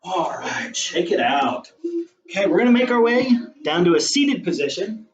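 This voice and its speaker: Yoga teacher, male, somewhat high voice, calm encouraging cues, far from the mic in a roomy space. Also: moderate pace. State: out of breath. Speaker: yoga instructor. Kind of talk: guided yoga class instruction. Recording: roomy, distant, dull camera audio with faint music.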